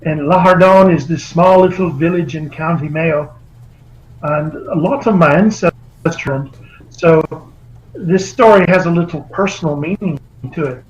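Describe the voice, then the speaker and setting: A man's voice: a little high, unhurried, dull audio. A man, an author being interviewed over a video call, telling long rambling anecdotes. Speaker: author guest. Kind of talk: remote interview.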